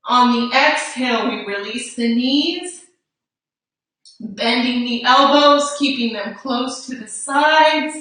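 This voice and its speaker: Woman yoga instructor, high voice, unhurried, slightly breathless, distant mic, echoey room. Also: pushed and bright. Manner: encouraging, guiding breath cues. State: a little out of breath. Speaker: yoga teacher. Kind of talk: live yoga class instruction. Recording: roomy echo, distant mic.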